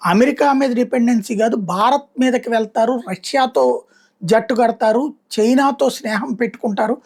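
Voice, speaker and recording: Woman news commentator, fairly high voice, unscripted delivery with filler pauses. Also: darkish tone.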